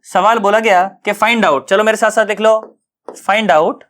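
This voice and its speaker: A man's voice: sits high, measured pace. Coaxing, joking male physics teacher. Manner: lively, coaxing, keeps asking students if they got it; colloquial and joking, mixes English physics terms. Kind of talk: online physics lesson.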